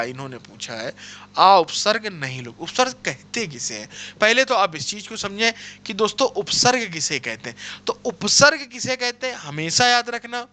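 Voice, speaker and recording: A man's voice: sits high, bright, forceful tone. A man teaching an exam-prep lesson over slides, explaining step by step and often checking in with his students.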